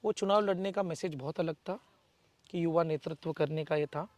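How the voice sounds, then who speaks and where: A man giving forceful, defiant answers in an interview as a local political figure, with emphatic rhetorical speech. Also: a little high, moderate pace, no echo.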